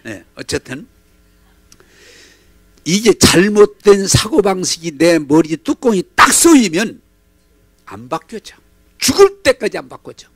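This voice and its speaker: Brief: fiery male preacher, fairly high voice that swoops up and down, dry close mic. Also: no echo. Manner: animated, dramatic, leads call-and-response. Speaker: pastor. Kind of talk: sermon. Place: church.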